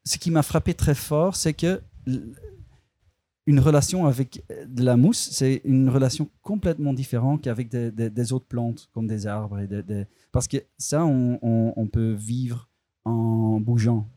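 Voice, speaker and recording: In a dry recording, a male filmmaker with a medium-pitched, warm voice speaks a little slowly. French is not his first language, and he answers interview questions hesitantly, restarting and searching for words.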